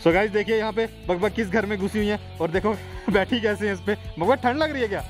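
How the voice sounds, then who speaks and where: A man's voice: high voice, quick pace, soft background music. A young man hosting a motorcycle vlog, chatting casually outdoors on a cold mountain road and keeps calling out to his viewers. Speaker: motovlogger host.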